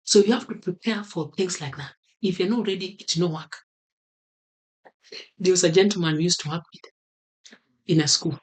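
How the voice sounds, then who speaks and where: His voice sits high, moving at normal speed with frequent pauses. He's a man from Kenya with a Kenyan accent, a vlogger addressing the camera earnestly in a motivational talk and going back over his key advice for emphasis.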